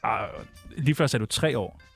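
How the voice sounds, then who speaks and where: A man's voice: mid-range voice, vocal fry, faint music behind. A man hosting a casual chat, teasing his guest and reading out prompts, laughing often. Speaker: podcast host.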